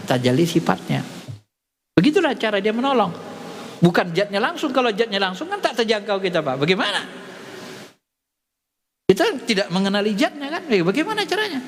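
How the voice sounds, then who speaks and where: Male preacher, slightly high voice, animated storyteller, recorded with long hall reverb. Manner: animated storytelling, acting out dialogue. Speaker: religious teacher. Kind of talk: sermon teaching.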